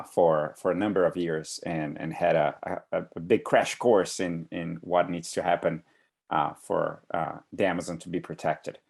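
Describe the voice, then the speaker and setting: Man from Brazil, very deep voice, hesitant, lots of fillers, online class talk over a video call. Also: creaky, darkish tone. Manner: hesitant, many fillers and restarts. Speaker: guest speaker. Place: home in Brooklyn.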